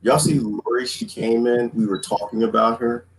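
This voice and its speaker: On a livestreamed group call, a man from the United States leads a relaxed panel conversation at medium pitch and normal speed. Steady background noise runs through the recording.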